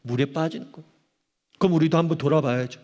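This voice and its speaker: A man's voice: a little high, fast, mellow, lo-fi sound. A man, a pastor, preaching a sermon and asking the congregation questions as he drives his point home. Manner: emphatic preaching, asks the congregation questions and acts out cries to God. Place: church auditorium. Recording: long hall reverb.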